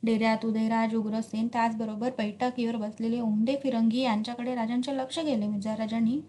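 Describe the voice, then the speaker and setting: A woman's voice: on the high side, a little fast. Woman narrator reading a novel dramatically. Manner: steady, dramatic storytelling. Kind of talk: reading a historical novel aloud.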